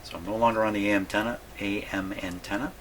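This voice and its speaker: A man who repairs vintage radios as a hobby and hosts videos thinks aloud in short, musing fragments during a casual hands-on demonstration in his indoor radio workshop. He talks fast in a lowish voice with fairly even intonation. Loud hum and radio noise fill the background.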